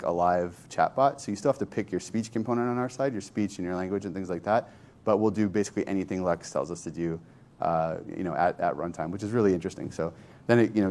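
A man casually demonstrating software on screen, thinking aloud in a loose, conversational way. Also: low voice, a little hiss or hum. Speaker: software developer demoing a tool. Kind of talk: informal screen-share tech demo.

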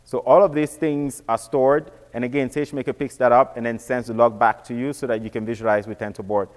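A man's voice: mid-range voice, fairly even intonation, a little fast, in a large hall. A man giving a casual technical walkthrough, often repeating words and restarting phrases. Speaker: presenter.

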